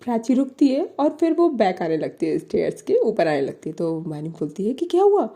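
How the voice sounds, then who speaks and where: A woman's voice: on the low side, big pitch swings, brisk, warm tone. A woman telling a love story in a casual, chatty way, with many fillers.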